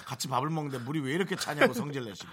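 A man's voice: on the high side, expressive, racing, a bit bright, slightly rough. A male radio host chatting casually in a studio, teasing his co-host and laughing often. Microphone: studio mic.

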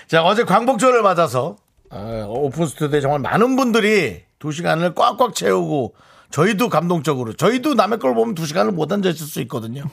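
A gravelly middle-aged man with a fairly high, lively voice, bantering on live radio. He teases guests and jokes about himself, talking to the people in the open studio. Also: brisk. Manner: jokey, self-deprecating, teasing guests. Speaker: radio co-host.

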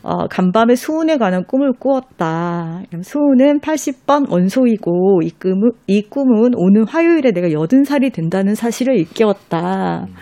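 A woman in casual conversation about books, her voice mellow and soft-edged. She reads quoted passages aloud slowly. The sound is dry and close. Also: medium pitch, expressive, no echo. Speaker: book recommender guest.

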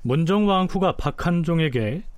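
A man explaining history in a measured lecture style, often posing questions to his listeners. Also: a little high, expressive, no room sound.

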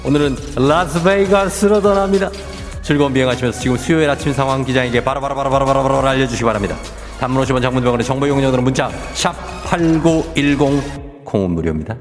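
A man, a radio DJ, playing an airline captain giving brisk, playful cabin announcements. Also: mid-range voice, long reverb tail, soft background music. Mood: announcing.

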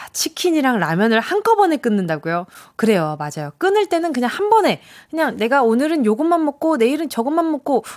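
A young woman with a slightly high voice hosts a radio show, reading listener messages in a chatty, encouraging way and acting out the quoted lines.

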